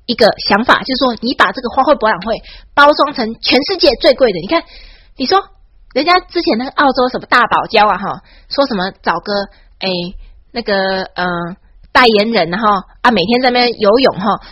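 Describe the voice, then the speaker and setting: A woman with a Taiwanese Mandarin accent giving a mock-boastful satirical monologue, dropping a breathy "ha" into nearly every phrase. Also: on the high side, fairly bright tone, no echo, lo-fi sound. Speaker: satirical commentator. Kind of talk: sarcastic comic monologue.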